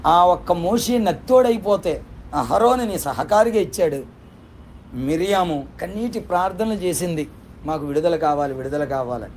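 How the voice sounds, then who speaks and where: A man's voice: high voice, darkish tone. Pastor guy preaching, keeps asking questions, slight hiss in the background. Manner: fervent, repetitive preaching with rhetorical questions. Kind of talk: sermon.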